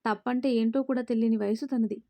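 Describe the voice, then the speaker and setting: Short-tempered young boss, commanding, scolding, woman reading, fairly high voice, mellow. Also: fairly even intonation, a little fast, no echo, natural voice. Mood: stern.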